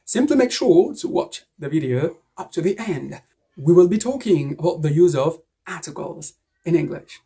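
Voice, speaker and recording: A woman's voice: lowish voice, expressive, moderate pace, dark tone, slightly rough. A woman teaching an English lesson online, emphatic and repeating key words to drill them. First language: French.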